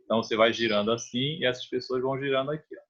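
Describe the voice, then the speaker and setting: A man's voice: mid-range voice, fairly even intonation, rapid-fire, a bit bright. A man with a Brazilian Portuguese accent teaching a math lesson online, explaining step by step and often checking in with his students. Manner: conversational, restarts phrases while drawing. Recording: dull lo-fi online class audio.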